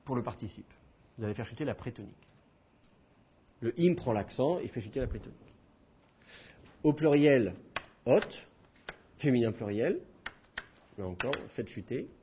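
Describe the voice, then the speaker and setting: A man's voice: medium pitch, lively intonation, brisk, pauses often, muffled recording, a little hiss or hum. A man teaching a class, explaining patiently and repeating key points with fillers. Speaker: Hebrew teacher. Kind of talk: classroom lecture.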